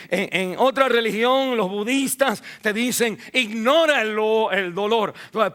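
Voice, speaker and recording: Delivering a church sermon, a male pastor swings from loud, high peaks down to low, quiet passages. His speech is full of fillers and repeated words.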